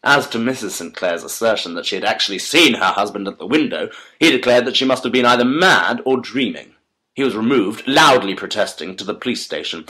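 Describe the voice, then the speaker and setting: An actor playing a keen, analytical detective in a dramatised audiobook, speaking articulately and emphatically in formal period diction. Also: male voice, fairly low pitch, sharp tone. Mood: measured, explanatory, then animated, urgent. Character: Sherlock Holmes, keen analytical male detective recounting a case.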